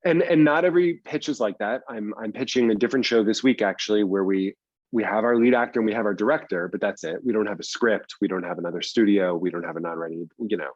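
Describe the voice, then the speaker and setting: A man who is a writer and producer talks casually as an interview guest, his lowish voice moving fast. He explains things in loose runs and repeats himself for emphasis, on a lo-fi recording without echo.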